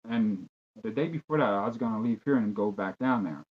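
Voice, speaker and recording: A man talks quickly in a casual, rambling style. His voice is fairly low. The recording is dull and lo-fi. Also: husky. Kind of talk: casual chat. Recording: dull, lo-fi voice pickup.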